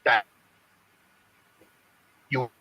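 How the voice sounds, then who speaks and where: A man's voice: drawn-out words, pushed and bright, no room sound. A man arguing as a guest on a sports talk show, speaking over a remote line that breaks up and cuts out mid-word. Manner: stammering restarts, argumentative. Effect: connection breaking up, voice cutting out mid-word. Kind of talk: call-in debate on a remote line.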